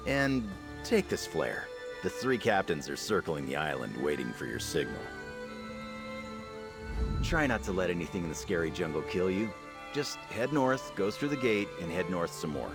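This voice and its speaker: Sly thief, deep animated voice. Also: male voice, moderate pace, vocal fry, over music, heavily acted. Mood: brisk, instructing. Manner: playful, conspiratorial. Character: sly, cheeky male thief and spy in disguise. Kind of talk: video game character dialogue.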